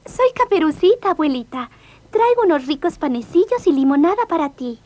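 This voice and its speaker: A sweet, curious little girl from a storybook, as a woman reader puts her on. She asks wide-eyed, childlike questions in a very high voice. Her pitch leaps around in a lively way. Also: brisk. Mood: cheerful. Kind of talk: storybook read-along voice acting.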